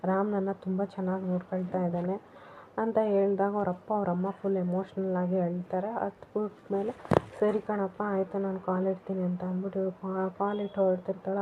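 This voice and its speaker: A woman's voice: mid-range voice, level tone, a little fast. A woman casually retelling a TV serial episode, quoting the characters' lines as she goes. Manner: retells scenes, voicing each character's lines in quotes. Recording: tinny phone-like audio, faint noise.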